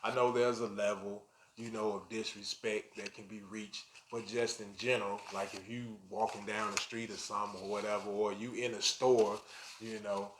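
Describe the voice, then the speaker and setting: A man's voice: fairly low pitch, flat delivery, moderate pace, fairly bright tone, roomy sound, a little hiss or hum. A man co-hosting a podcast, talking in a loose, rambling casual way full of slang and "you know". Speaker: podcast co-host. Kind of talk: casual conversational chat.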